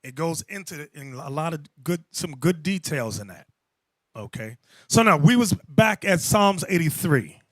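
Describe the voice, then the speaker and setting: A man's voice: fairly high pitch, animated, moderate pace, a bit bright, dry recording. A man leading a Bible lesson as a bishop, calling out verses and explaining each one in a commanding way. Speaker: bishop teaching a class.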